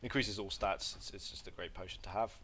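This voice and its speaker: A man's voice: low voice, steady tone, brisk, bright, forceful tone, slightly rough. A man giving a casual gameplay tutorial, rambling and correcting himself with lots of fillers, with a slight cough. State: coughing, slight throat irritation. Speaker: game guide presenter.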